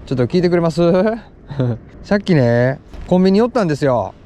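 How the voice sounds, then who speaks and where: A young man with a Kansai accent chatting excitedly while fishing outdoors on a lake, with quick exclamations. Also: a little high, faint music behind. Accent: Kansai Japanese. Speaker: fishing vlogger. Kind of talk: casual commentary while fishing.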